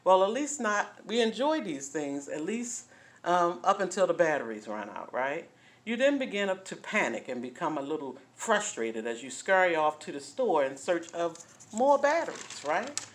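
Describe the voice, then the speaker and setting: A woman's voice: on the low side, sing-song, normal speed. Woman in her fifties hosting a solo talk, folksy and chatty. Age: 50s. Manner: chatty, folksy, keeps asking "right?". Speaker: host. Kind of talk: casual talk on relationships.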